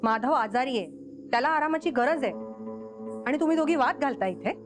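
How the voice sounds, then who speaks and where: A woman's voice: sits high, animated, brisk, music in the background. An actress playing a caring young wife in a TV drama, firm as she stops a family fight. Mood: stern. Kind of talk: TV drama acting.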